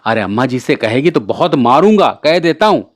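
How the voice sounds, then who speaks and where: A man's voice: mid-range voice, very animated, normal speed, dry recording, clean studio sound, close to an everyday voice. A man voicing a bossy older brother who scolds his little sister in a brusque, impatient way. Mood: scolding.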